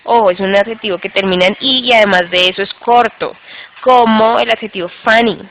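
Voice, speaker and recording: A woman's voice: medium pitch, a little fast, a bit bright, poor audio. Woman teaching grammar in an online class. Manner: patient, repeats rules and checks with "listo?". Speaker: English teacher. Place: online class by video call.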